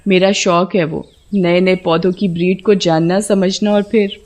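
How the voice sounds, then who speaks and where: A woman voicing a chatty, plant-loving young wife who scolds her husband in an animated horror story. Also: lowish voice, a little slow, close to an everyday voice.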